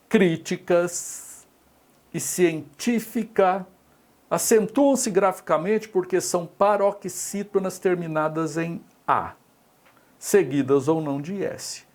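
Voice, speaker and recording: A middle-aged Brazilian man with a Brazilian Portuguese accent teaching an exam-prep grammar lesson, explaining step by step and checking in with tag questions. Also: high-pitched.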